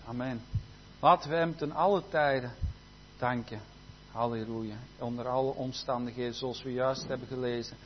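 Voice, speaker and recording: A man preaching a sermon, often saying amen and hallelujah, shifting between loud fervent exclamations and quiet intimate passages. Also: fairly even intonation, moderate pace. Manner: peppers speech with amen and hallelujah. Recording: dull low-fidelity recording with faint hum.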